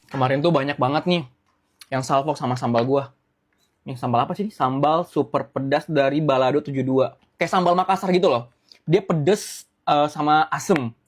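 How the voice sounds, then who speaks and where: A man's voice: on the high side, normal speed. A man from Bandung chatting casually as a food vlogger while he eats soup. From Bandung, Indonesia. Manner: talks while eating soup. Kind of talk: casual mukbang vlog while eating. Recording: clearly noisy, with clicks. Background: background noise and clicks.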